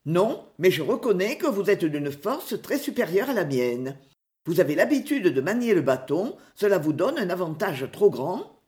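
A woman's voice: fairly low pitch, very animated, normal speed, darkish tone. A woman voicing a boastful young stranger in the forest who speaks in a defiant, mocking way.

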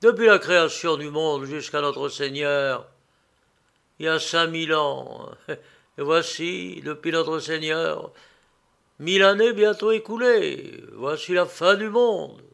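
Un homme qui lit une histoire et prête sa voix à un prieur, un moine sévère et exalté, sur un ton impérieux. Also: male voice, a little high, takes it slowly, gravelly, fairly bright tone, heavily acted. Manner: imperious, insistent. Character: stern, zealous male monk prior.

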